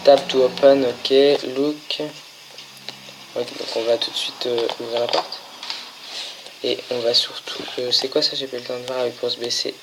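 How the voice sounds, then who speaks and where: A man of medium pitch chats casually through a let's-play, filling gaps with hesitant pauses and fumbling through English on-screen text. A clear hiss of noise sits under his voice throughout the recording. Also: level tone. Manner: hesitant, lots of filler pauses, stumbles reading English. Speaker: gaming channel host. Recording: noisy home recording.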